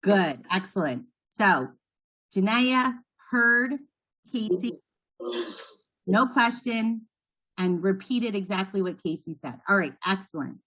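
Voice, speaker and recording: A woman's voice: medium pitch, expressive, slow, fairly bright tone. Woman trainer explaining step by step. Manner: patient, encouraging, explains step by step. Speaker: trainer leading a training session. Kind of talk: instructional talk to trainees.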